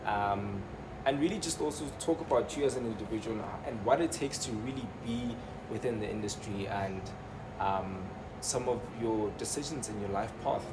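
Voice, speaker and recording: Chatty low-voiced man hosting. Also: normal speed, hardly any pauses. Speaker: interview host. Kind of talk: casual interview. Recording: noisy room ambience.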